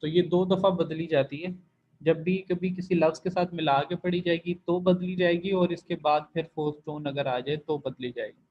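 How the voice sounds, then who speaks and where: A man's voice: on the high side, fairly even intonation, normal speed, dull audio. A man teaching a Chinese language class online, explaining rules patiently and repeating each point step by step. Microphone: computer mic in video call.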